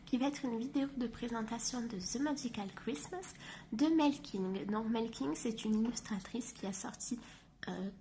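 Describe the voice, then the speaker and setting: Woman chatting thru a coloring book review, soft half whisper, lotsa "euh", slightly high voice, faint hiss behind. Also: moderate pace. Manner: hesitant, with frequent fillers.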